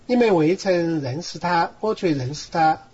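A man reading scripture aloud in a steady, measured way. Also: a little high, slight background noise. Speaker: guest reader. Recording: dull lo-fi recording.

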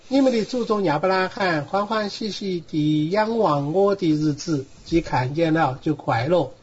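A man reading scripture aloud in a steady, measured way. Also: a little high, breathy edge. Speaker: guest reader. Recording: dull lo-fi recording.

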